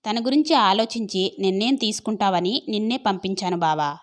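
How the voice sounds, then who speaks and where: A woman's voice: medium pitch, brisk, close to an everyday voice. A woman voicing a protective young brother who asks questions earnestly in an audio story.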